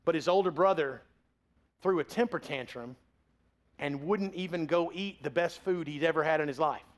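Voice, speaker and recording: A man's voice: a little high, normal speed. A man in his forties preaching a sermon as pastor, in a conversational, joking way.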